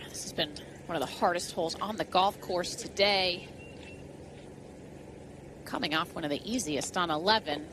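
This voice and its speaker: A woman's voice: lowish voice, normal speed, pauses often, background noise. A woman working as a golf commentator, adding short, punchy analysis to live tournament coverage.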